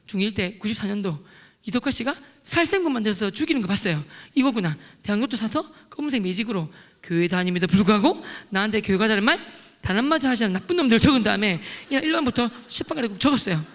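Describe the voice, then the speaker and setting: A middle-aged man, a lay deacon, giving an excitable testimony sermon at a church prayer meeting and loudly acting out scenes. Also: high-pitched, quick pace. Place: church sanctuary. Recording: long reverb of a large church hall.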